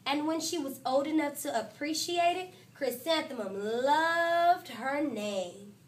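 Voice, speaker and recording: A woman teacher reading a picture book aloud to her class, with lively, expressive storytelling. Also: slow pace, far from the mic, a little hiss or hum. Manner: expressive storytelling, voices quotes higher and louder.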